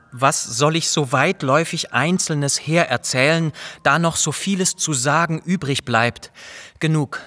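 A male storyteller reads a classic tale aloud in a slow, dramatic, first-person way. His voice sits fairly high for a man. A long reverb surrounds every word, as in a large hall. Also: sharp tone. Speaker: reader. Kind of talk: audiobook reading of a classic tale.

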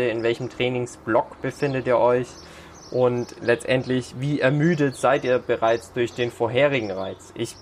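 A man's voice: medium pitch, slight background noise. A man hosting a sports podcast in casual chat, hesitant with many fillers. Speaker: podcast host.

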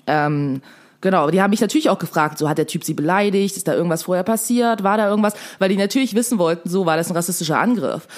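A young woman telling a story to camera in casual, chatty speech full of fillers, still shaken. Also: low-pitched.

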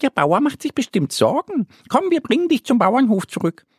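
Man putting on a little girl duck, high squeaky voice, quick caring tone, children's story, dry sound. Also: sing-song, husky, no room sound, full character voice.

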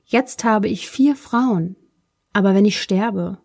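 Dying lonely old king as a lady reads him, soft pleading voice, warm and breathy. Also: high voice, slow, full character voice.

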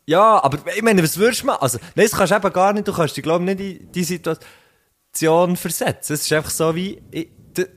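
A man's voice: sits high, fast, a bit bright. A young man with a Swiss German accent, a teacher chatting casually and rambling with many restarts and swearwords. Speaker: podcast co-host, teacher. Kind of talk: casual chat.

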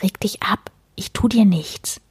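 A woman voicing an earnest young boy in a soft, hushed storybook reading. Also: lowish voice, animated, normal speed, no echo.

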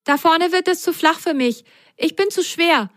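A sweet, helpful whale child from a children's story, talking high and lively with plenty of eagerness, as a woman acts it out. The voice sits well above an ordinary speaking voice. The sound is dry and close. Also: normal speed, no echo. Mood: eager friendly. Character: friendly helpful young whale child on a unicycle.

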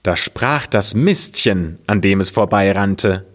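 A man narrating a fairy tale in a slow, expressive storybook reading. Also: deep voice.

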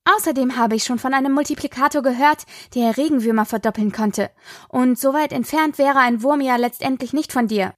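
A woman's voice: high voice, dry recording, studio quality, natural voice. A woman reading an audiobook, voicing a sarcastic, teasing teenage daughter. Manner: sarcastic, quick-tongued.

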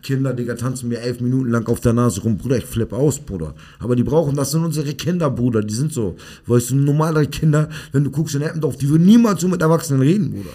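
A man's voice: medium pitch, fast, few pauses, dark tone. A man, a children's martial arts coach, chatting bluntly and heatedly in street slang on a podcast. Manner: street slang, 'Bruder' and 'Digga' in every sentence. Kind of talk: casual podcast chat.

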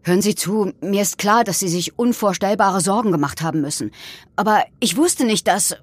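A woman's voice: medium pitch, moderate pace, breathy edge, no room sound, natural voice. A woman voicing a worried, serious young man who scolds a careless girl. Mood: earnest.

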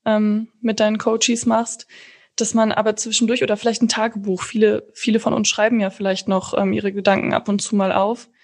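A woman's voice: medium pitch, little pitch movement, a little fast, darkish tone. A woman hosting a podcast, talking casually in long, chained thoughts. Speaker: podcast host. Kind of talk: casual conversational podcast talk.

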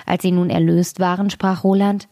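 A woman reads a fairy tale in a measured storytelling manner, her voice set fairly low. The recording is close and completely dry, and she sinks to a whisper at dark moments. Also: little pitch movement, dry recording. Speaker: fairy-tale podcast narrator. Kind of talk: reading a fairy tale aloud.

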